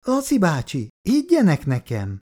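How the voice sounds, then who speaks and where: A man's voice: medium pitch, huge pitch swings, a little mellow, pitched above the performer's own voice. A man voicing a frightened young boy who defends himself and pleads. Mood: pleading.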